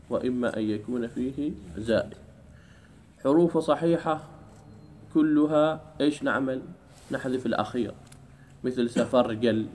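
A man teaching an Arabic grammar lesson in a classroom, drawing out key words slowly and keeping the class engaged with questions. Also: mid-range voice, darkish tone, slight background noise. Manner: drawls key words slowly, keeps asking "what?".

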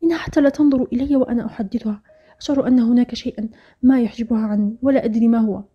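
A woman voicing a lovesick, gentle young man in a storybook narration, talking softly and wistfully. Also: a little high, steady tone, very fast, slightly rough. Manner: soft, wistful, quietly pleading. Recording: dull lo-fi audio with faint music.

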